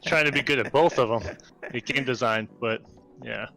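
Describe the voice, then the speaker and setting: A man's voice: medium pitch, moderate pace, gravelly, music in the background, rough recording. A man in his forties, a game developer talking through a video call in a casual interview, rambling with lots of fillers. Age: 40s. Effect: heard over a video call.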